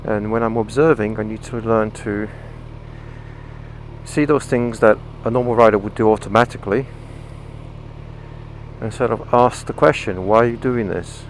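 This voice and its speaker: Engine, wind and traffic noise ring out clearly as a British man explains things in a casual riding vlog, speaking into a mic inside his motorcycle helmet. His voice is lowish and steady, at a moderate pace with frequent pauses.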